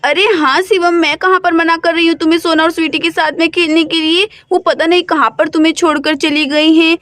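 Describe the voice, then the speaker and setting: A woman voicing a patient young mother who coaxes and gently scolds her fussing son, with a dry close sound. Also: extremely high pitch, steady tone, fairly quick, dry recording. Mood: coaxing. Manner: coaxing, scolding softly.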